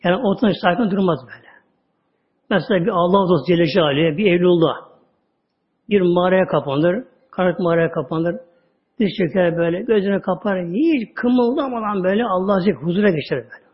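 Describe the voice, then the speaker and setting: A man giving a religious talk, telling stories with drawn-out words and sudden drops to a low voice. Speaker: religious teacher. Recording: dull lo-fi audio recording.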